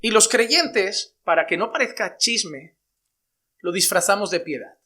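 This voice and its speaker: A man preaching a sermon as pastor, emphatic, moving between loud exhortation and quiet asides. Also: sits high, expressive, unhurried.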